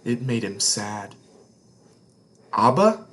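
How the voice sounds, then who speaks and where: Reading a storybook aloud to children, this read-along host goes slowly, phrasing deliberately and stressing words with emphasis. His voice is fairly high and animated, and he stops to explain words to the kids.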